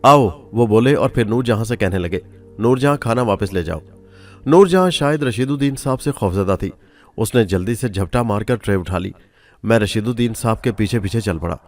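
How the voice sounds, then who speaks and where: A man narrating a first-person story in a measured, expressive way. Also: on the low side. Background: soft music.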